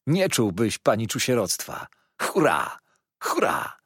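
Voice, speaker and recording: Hearty young fisherman, cheering and loud, voiced by a male reader, husky, dry sound. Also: fairly low pitch, very animated, a little slow, no echo, full character voice. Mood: jolly. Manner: loud, exclamatory.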